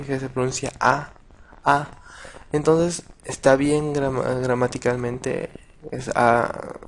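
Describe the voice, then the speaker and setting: A man teaching a casual video lesson, patient and halting, with many restarts and repeated words. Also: medium pitch, creaky, a little hiss or hum. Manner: patient, addresses viewers directly. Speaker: language teacher.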